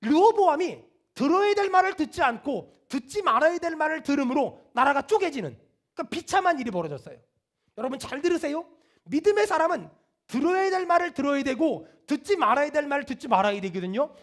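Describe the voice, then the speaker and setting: A man's voice: very high-pitched, quick pace. A male pastor preaching a sermon, leading the congregation to repeat after him. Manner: animated preaching with call-and-response.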